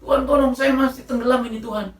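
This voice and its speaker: A man's voice: extremely high pitch, fairly even intonation, fast, echoey room, recorded from a distance. A woman voicing a desperate male hunter trapped in a flooding well, pleading in frantic repeated prayers.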